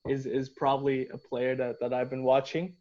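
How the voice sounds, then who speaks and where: A man hosting an interview, asking questions in a relaxed, casual way. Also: medium pitch, normal speed. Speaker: interview host. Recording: dull lo-fi audio.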